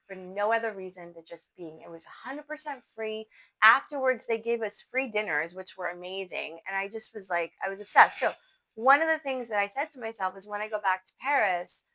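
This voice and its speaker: Young adult woman, vlogger, bright lightly high voice, casual enthusiastic storytelling, heavy on fillers. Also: rough recording. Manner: enthusiastic, gushing, many fillers like "like" and "you know".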